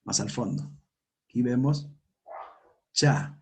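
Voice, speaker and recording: A man teaching a language lesson, saying each sound and word slowly and repeating it for learners to copy. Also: medium pitch. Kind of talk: slow pronunciation lesson.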